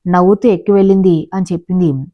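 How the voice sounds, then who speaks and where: A woman's voice: lowish voice, steady tone, quick pace, dull audio, close to an everyday voice. A woman voicing a kindly older aunt, a neighbor in a told story. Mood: puzzled.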